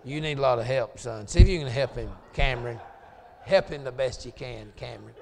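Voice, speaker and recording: A late-forties man with a Southern US accent preaches revival in a church sanctuary, trading quiet jokes with the congregation and then rising to hollered scripture. His creaky, medium-pitched voice moves fairly quickly. There's a long reverb tail and a little hiss or hum.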